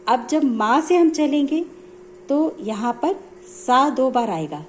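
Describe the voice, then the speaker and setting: Slow, patient high-voiced woman teaching music. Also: animated, a little hiss or hum. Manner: patient, explanatory, repeats points. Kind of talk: step-by-step music lesson.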